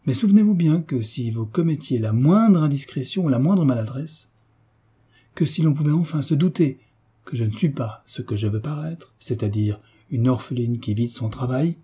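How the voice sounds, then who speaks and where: A man's voice: mid-range voice, animated, moderate pace, warm tone, slightly rough. Man reading a commanding young heiress. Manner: firm, clipped orders. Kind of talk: audiobook character reading.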